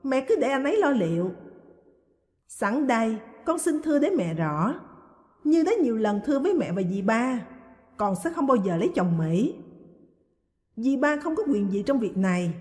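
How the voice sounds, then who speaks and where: An earnest, stubborn young woman speaks firmly, read by a woman storyteller. Her voice sits fairly high with lively pitch, under a long hall reverb. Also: normal speed, long pauses. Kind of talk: audiobook reading.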